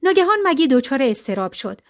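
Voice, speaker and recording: A woman reading a novel aloud as narrator, in a calm, even way with colloquial phrasing. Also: high voice. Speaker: audiobook narrator.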